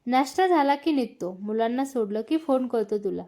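A woman reading as a gentle young uncle in a storybook. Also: on the high side, lively intonation, moderate pace.

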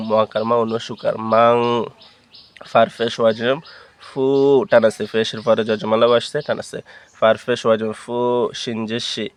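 A man teaching Quran reading, spelling out each letter and vowel mark, then slowly blending the syllables into words. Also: fairly low pitch.

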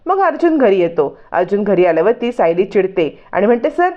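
A woman's voice: mid-range voice, big pitch swings, brisk, muffled recording. A woman retelling a television serial episode in a casual storytelling way, voicing each character's lines herself. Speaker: serial recap narrator.

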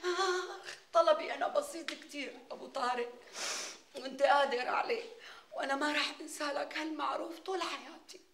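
An actress playing a scheming, melodramatic neighbor woman with a Damascene Syrian accent, who wails, flatters and wheedles in a TV sitcom. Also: high-pitched, fairly quick, gravelly, echoey room. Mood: wailing. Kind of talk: TV sitcom acting.

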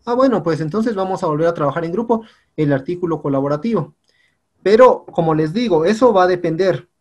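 High-voiced and a little mellow, this man talks briskly and expressively. As a patient teacher showing students around an online class platform, he checks in with them regularly, peppering his speech with "compañeros" and "¿sí?".

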